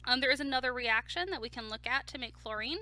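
A woman delivers a recorded chemistry lecture, walking through each step in a relaxed, conversational way. Her voice is bright and forward, and the sound is dry and close with no room echo. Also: sits high, quick pace. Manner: casual, explains step by step with fillers.

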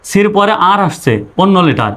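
A male teacher talks through an English spelling lesson in a patient, repetitive way. He spells words letter by letter and asks his students questions before answering them himself. His voice sits a little high for a man. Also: big pitch swings, normal speed, fairly bright tone. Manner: patient, repeats rules and spells letters aloud.

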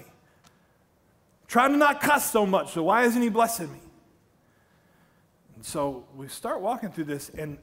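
Middle-aged male pastor, high voice, lively sermon storyteller on a headset mic. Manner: storytelling, animated, jokes with the congregation. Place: large church stage.

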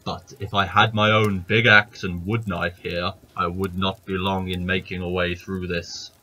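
A man voicing a menacing old giant in a storybook reading, slow and booming. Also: little pitch movement, pushed and bright, heavily acted, low-quality recording. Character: huge menacing old male giant, gruff.

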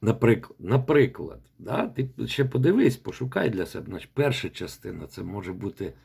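A man's voice: lowish voice, very animated, normal speed, gravelly, darkish tone, breathy edge. A man coaching a student's recitation in a rambling voice message, repeating words as he demonstrates. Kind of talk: spoken feedback voice message.

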